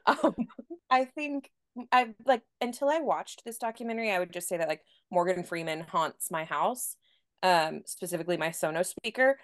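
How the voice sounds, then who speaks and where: A woman's voice: lowish voice, expressive, moderate pace, a bit bright, no room sound, clean studio sound. A young adult woman chatting as a podcast guest, telling stories with lots of "like" and laughter. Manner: chatty storytelling with frequent "like" and laughs. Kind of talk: casual chat.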